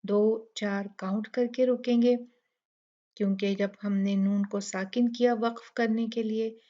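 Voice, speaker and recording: Slow, patient female tajweed teacher, dull lo-fi sound. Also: a little high, fairly even intonation, dark tone. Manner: patient, explains slowly and demonstrates each recited word. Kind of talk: step-by-step recitation lesson.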